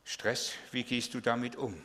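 A male pastor preaches with emphasis, repeats words for stress and turns his points into questions for the listeners. His voice is bright and forceful, and a long reverb hangs in the large church around him. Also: mid-range voice, steady tone, measured pace. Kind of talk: sermon.

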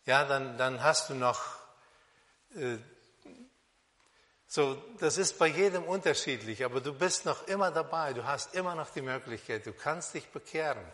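A man preaching a sermon on a Bible passage, speaking slowly and deliberately with pauses and fillers, in a church hall. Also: mid-range voice, a bit bright. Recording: long reverb of a hall.

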